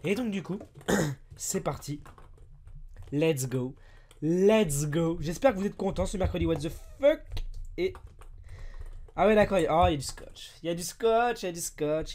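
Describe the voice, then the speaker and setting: Hoarse excitable French unboxing man. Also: high-pitched, slight background noise. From France. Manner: excitable, repeats himself, exclaims loudly. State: hoarse, broken voice from a cold. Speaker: toy-opening YouTuber. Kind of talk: enthusiastic unboxing vlog.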